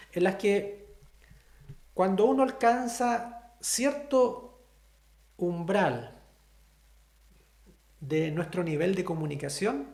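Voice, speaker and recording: In an echoey room, a Chilean-accented man leads an online sign language lesson, walking through it step by step and regularly questioning the class. His voice is a little high yet gravelly, with a darkish tone.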